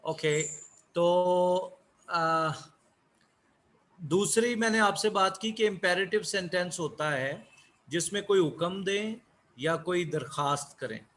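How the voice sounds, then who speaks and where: A man teaching an online English class, speaking slowly and repeating key words as he explains. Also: high-pitched, fairly bright tone, a little hiss or hum.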